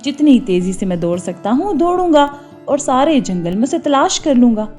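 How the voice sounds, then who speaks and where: A friendly cartoon rabbit speaks up eagerly in a raised, lively voice, with a woman playing him. He offers comfort and help with easy warmth. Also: high voice, soft background music. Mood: kind. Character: friendly helpful male rabbit.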